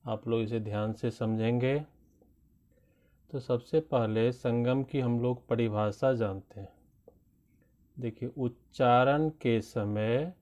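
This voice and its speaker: Male teacher, unhurried classroom delivery, mellow tone, dull lo-fi recording. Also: mid-range voice. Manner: slow, deliberate explanation with drawn-out example words. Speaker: Hindi grammar teacher. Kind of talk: classroom lesson addressed to children.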